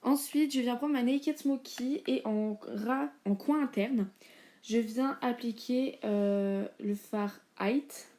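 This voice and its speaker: A woman's voice: a little high, takes it slowly, mellow. Chatty young woman doing a makeup tutorial. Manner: chatty, many fillers, informal slang. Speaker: beauty vlogger.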